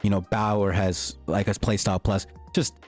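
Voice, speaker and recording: Young dude yapping over his game, lowish voice kinda worn out, super hyped, little bit of game music behind. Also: flat delivery, normal speed. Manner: hyped, slangy, swings between joking and shouting. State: voice starting to go. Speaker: gaming YouTuber. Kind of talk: excited gameplay commentary. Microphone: desktop mic, peaking.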